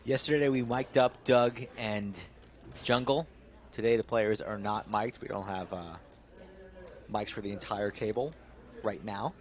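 A man's voice: on the low side, steady tone, measured pace. Guy calling a poker stream, commentator style, adds a bit of drama to the play.

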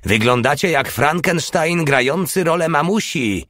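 A man voicing a sly, greedy male soldier, pitching his voice up into a cheeky, callous tone. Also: expressive, measured pace, fairly bright tone, no echo.

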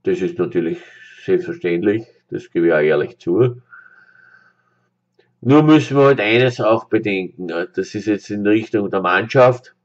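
A man's voice: fairly low pitch, expressive, a little slow. Viennese man ranting into a lo-fi webcam. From Austria. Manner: emphatic, repeats points, many fillers. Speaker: football fan vlogger. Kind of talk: opinion monologue to camera. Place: small room indoors. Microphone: webcam close up. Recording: dull lo-fi webcam audio.

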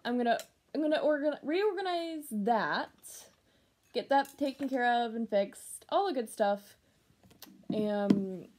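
A young adult woman giving a casual vlog update to camera, speaking haltingly and often trailing off. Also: on the high side, animated, background noise. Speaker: vlogger. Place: small room at home, indoors.

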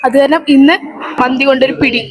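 A woman's voice: high-pitched, fairly even intonation, fairly quick, a little hiss or hum. A woman with a Kerala Malayalam accent hosting a casual vlog, chatting directly to viewers and companions. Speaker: vlog host.

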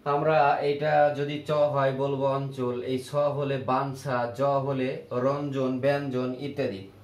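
A man teaching a grammar lesson at a board, repeating each word slowly to drill how it is pronounced. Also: medium pitch, level tone. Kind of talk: classroom grammar lesson at a whiteboard. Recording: echoey room with faint ambient noise.

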